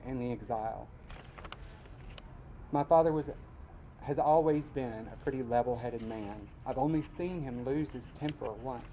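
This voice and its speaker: A man from Mississippi, reading his personal essay aloud at a live event in a measured, wry way. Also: mid-range voice, warm tone, slight background noise, poor audio. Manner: measured storytelling, wry asides.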